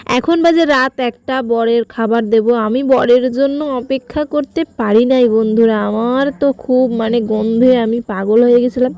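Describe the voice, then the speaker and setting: A woman's voice: a little high, a little slow, warm tone. Chatty Bengali woman cooking at home. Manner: chatty, talks to viewers as friends. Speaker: home cook vlogger. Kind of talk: casual cooking vlog chat.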